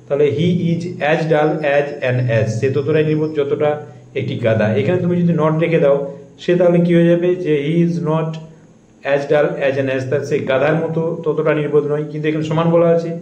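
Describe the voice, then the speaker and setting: A man's voice: fairly high pitch, dark tone, dull audio. Man teaching grammar in an echoey room. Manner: asks questions and answers them himself, repeats points slowly; reads English example sentences slowly and carefully. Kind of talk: explaining a grammar lesson.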